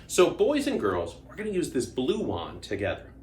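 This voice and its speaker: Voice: mid-range voice, huge pitch swings, moderate pace, darkish tone, reverberant, slight background noise. A children's magician hosting an interactive party-style magic show, exclamatory and playful, coaxing young viewers into call-and-response.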